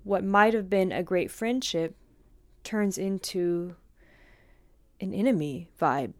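A woman yoga teacher giving a calm, earnest spoken lesson. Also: lowish voice, slow pace, dry recording.

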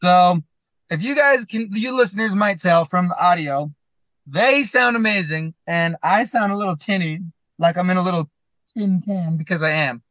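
A man's voice: sits high, moderate pace, fairly bright tone, no echo. A male podcast host chatting casually from his van, his voice sounding tinny through a laptop's built-in mic, often restarting his sentences. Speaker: podcast host, school counselor. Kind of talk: casual chat. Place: inside his van while traveling.

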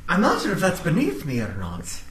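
A man's voice: sits high, huge pitch swings, brisk. A man chatting as a playful, punning player in a casual tabletop game. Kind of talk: casual joking game chat. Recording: echoey room with noticeable noise.

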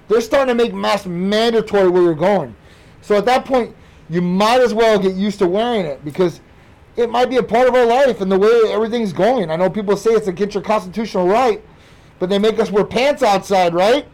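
American guy podcast host, high voice, muffled by a mask, pumped up emphatic talk straight to the listeners. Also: brisk, a little mellow. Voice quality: muffled, speaking through a face mask. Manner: emphatic, repetitive, addresses listeners as guys. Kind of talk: energetic talk to camera.

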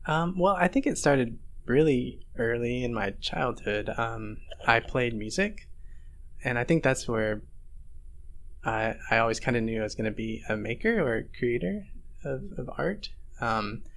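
Gravelly-voiced man, relaxed and hesitant. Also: mid-range voice, unhurried, slight background noise. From Fort Worth, Texas. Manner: relaxed, hesitant with many ums. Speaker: ceramic artist guest. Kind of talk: casual interview answers.

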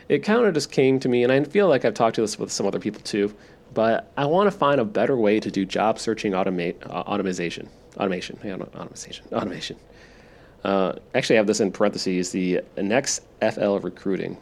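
Man, lowish pitch, heavy vocal fry, drowsy gravelly tone, relaxed rambling monologue, self-deprecating podcast host. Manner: low-key, self-deprecating, thinking out loud. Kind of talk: rambling, relaxed stream-of-consciousness monologue for sleep listeners.

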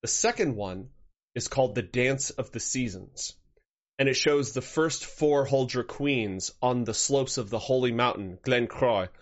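A man's voice: medium pitch, unhurried, muffled recording. A man narrating a tabletop game as game master, mixing storytelling with casual instructions to players.

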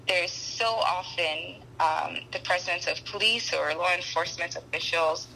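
Thoughtful young woman, bright voice. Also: lowish voice, measured pace, gravelly, a little hiss or hum, poor audio. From Ghana. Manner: thoughtful, frequent ums and restarts. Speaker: podcast guest. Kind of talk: conversational interview.

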